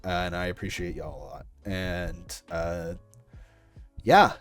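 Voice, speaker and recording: This creator in his twenties reflects aloud while casually answering interview questions about his audio project. His voice sits low with fairly even intonation and a slow pace, and faint music plays behind him.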